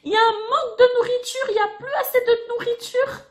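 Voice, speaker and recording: A woman's voice: very high-pitched, steady tone, fairly quick. A woman telling a Bible story to children, talking to them directly, with knocking and sing-song sound effects.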